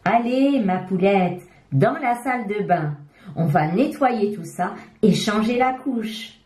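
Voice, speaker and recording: A kind hen nanny from a children's storybook, as a woman puts her on, gentle and motherly. Her mellow, lively voice sounds in an echoey room. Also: medium pitch, slow, soft background music.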